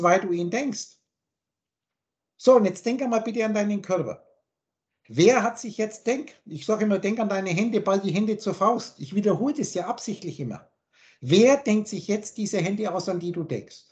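A man's voice: sits high, darkish tone. A man, a spiritual teacher, giving a long philosophical monologue on a video call, insistent and full of rhetorical questions. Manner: insistent, repeats points and asks rhetorical questions.

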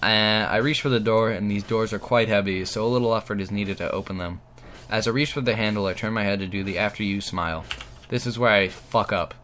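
A man's voice: lowish voice, fairly quick, a bit bright, slight background noise. A man hosting a gaming video on a headset mic, reading funny stories aloud and often cracking up mid-read.

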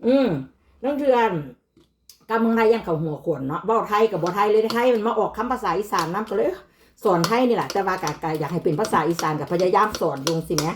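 Cooking at home in the kitchen, a mother who vlogs talks casually with her child in a mix of Isan and Thai, her Isan (Northeastern Thai) accent clear. She's an expressive, fast talker with a mid-range voice, and slight background noise can be heard.

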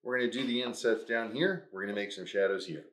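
Talking fast with a voice that sits low yet sounds a bit bright, an upbeat host leads a hands-on craft tutorial. He explains every step as he works, in an echoey room.

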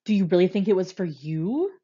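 A woman's voice: lowish voice, lively intonation, brisk, mellow, husky, muffled recording. A woman reading aloud, voicing a bossy male robber leader who barks orders. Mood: harsh.

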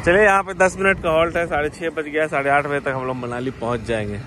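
A man's voice: a little high, fairly even intonation, quick pace. A middle-aged man chatting casually as he films a travel vlog on a phone at arm's length. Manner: chatty, narrating on the move. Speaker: vlogger. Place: bus, roadside dhaba and highway halt, outdoors at night and dawn. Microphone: phone held at arm's length. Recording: noisy outdoor traffic.

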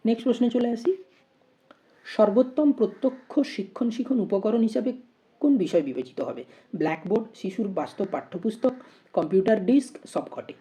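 Mellow-voiced woman teaching a lesson. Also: mid-range voice, animated, normal speed. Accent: Bengali. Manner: explains step by step with rhetorical questions. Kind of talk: exam-prep lesson.

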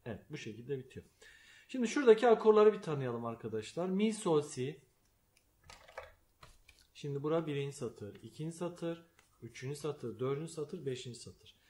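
A man giving a slow, patient piano lesson, calling out note names as he plays. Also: a little high, animated, darkish tone. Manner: calls out note names while playing, explains patiently. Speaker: piano teacher. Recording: piano music under the voice. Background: piano playing.

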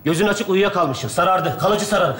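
An actor playing a man who comes from twenty years in the future as someone's older self, talking in a rough, bossy way. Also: sits high, reverberant, a little hiss or hum. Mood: boastful. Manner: rough and bossy, fast and excitable. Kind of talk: sketch comedy acting.

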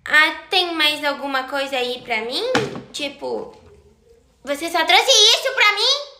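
Brief: woman playing a spoiled whiny little girl, slow taunting drawl, bright tone. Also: high-pitched, expressive, exaggerated voice. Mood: sulky, pushy. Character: bratty spoiled little girl, rude and defiant. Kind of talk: comedy sketch role-play.

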